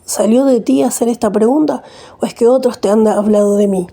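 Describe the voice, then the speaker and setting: Serene male teacher, firm; woman reader with a mellow husky tone. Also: fairly high pitch, fairly quick. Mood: calm. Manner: read plainly in the reader's own voice.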